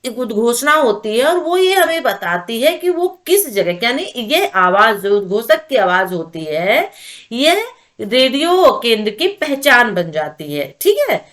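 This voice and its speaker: High-voiced woman teaching a lecture. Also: very animated, unhurried, a bit bright. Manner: explanatory, repeats points with "ठीक है". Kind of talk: exam-prep lecture.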